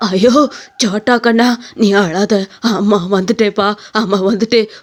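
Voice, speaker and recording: A woman playing a cartoon ghost mother, menacing and possessive, over a faint hiss in the background. She speaks at a middling pitch for a woman, threatening one moment and tenderly coaxing the next. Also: steady tone, moderate pace, close to an everyday voice. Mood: anxious tender.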